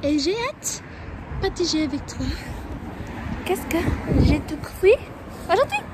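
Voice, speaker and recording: A high-pitched American woman hosts a travel vlog out on the city streets. She speaks unhurried, halting learner's French, often stopping to correct herself. Loud street noise runs underneath her. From United States. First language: English. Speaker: travel vlogger.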